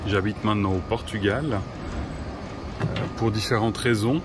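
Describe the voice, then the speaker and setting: A man, a teacher vlogging outdoors at a zoo in a slow, hesitant way with many pauses. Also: on the low side, very noisy. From Switzerland. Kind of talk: casual vlog narration.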